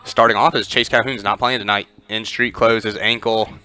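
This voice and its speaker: A man giving conversational pregame football commentary, with lots of filler words and animated storytelling. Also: on the low side, brisk, clean tone. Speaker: sports commentator.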